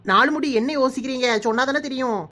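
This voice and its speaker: A slightly high, coaxing cartoon village woman who schemes for a feast, as a woman voices her. She has a Kanyakumari Tamil accent and pleads and wheedles. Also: fast talker, a bit bright. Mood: pleading. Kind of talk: cartoon voice acting.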